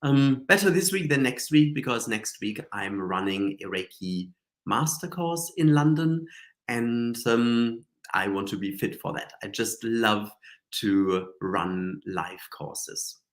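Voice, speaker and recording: Hosting a casual live stream, a Reiki teacher with a cold talks through a slightly nasal, mid-range voice. He rambles chattily at a slow pace with lively intonation, full of fillers and restarts.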